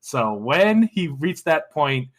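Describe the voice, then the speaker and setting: A man co-hosting a movie review podcast in casual chat, animated and laughing often. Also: fairly high pitch, slow. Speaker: podcast co-host.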